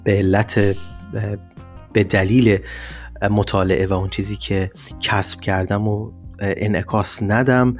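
A man with an Iranian Persian accent and a fairly low voice talks as a podcast host. He explains in a deliberate, emphatic manner, with faint music behind him. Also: level tone. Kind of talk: explanatory solo podcast talk.

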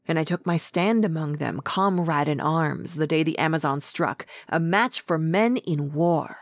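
A woman's voice: low voice, a little slow, no echo, clean studio sound. Old king, kind and awed, as an audiobook reader puts him on. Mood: wondering. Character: aged grieving king, gentle and wondering.

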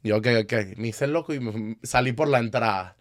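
A man's voice: mid-range voice, brisk, no echo, clean studio sound. A young man, telling a party story in casual chat and acting out what people said. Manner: animated, acts out quotes.

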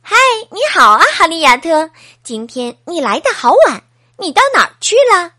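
A woman voicing a kind, lively young boy hedgehog friend who talks loud, fast and eager in a children's story. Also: sits high, heavily acted.

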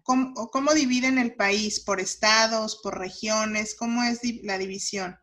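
A woman's voice: a little high, steady tone, measured pace, fairly bright tone, slight background noise. A woman from Mexico with a Mexican accent, interviewing a guest and musing aloud with many tag questions. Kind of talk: casual interview.

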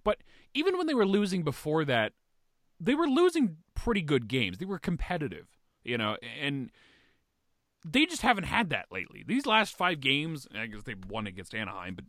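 A man talking sports on a podcast, ranting with frustration and plenty of swearing. His voice is bright and sharp, his pitch swings a lot as he talks, and the sound is dry and close. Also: normal speed, no echo. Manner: frustrated, swearing, lively rants. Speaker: podcast co-host. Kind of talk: casual sports chat.

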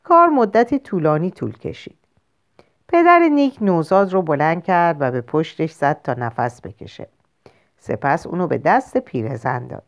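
A woman narrating a short story in a measured, expressive audiobook reading. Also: sits low. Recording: lo-fi muffled recording.

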